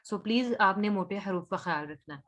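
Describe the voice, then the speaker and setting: A woman teaching Quran recitation rules online, chanting each verse slowly and patiently repeating words for her students. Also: mid-range voice. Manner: slow, drawn-out chanting of verses between explanations. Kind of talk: online tajweed lesson.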